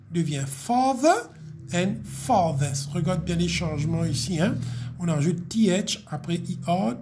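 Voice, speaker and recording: A woman's voice: fairly low pitch, mellow, a little hiss or hum. A woman teaching a grammar lesson to young pupils, patiently repeating each word and checking with "ok?". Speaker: primary school English teacher. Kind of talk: classroom lesson explanation.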